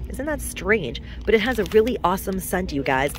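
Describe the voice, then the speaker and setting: A woman with a mid-range, very animated voice hosts a shop-with-me vlog, chatting enthusiastically about products while walking discount store aisles with a handheld phone. She talks a little fast, and there's a slight hiss or hum in the recording.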